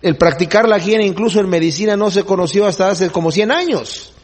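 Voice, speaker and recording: Husky high-voiced male preacher. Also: animated, fairly quick. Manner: explanatory Bible teaching, varied pacing. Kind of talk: sermon.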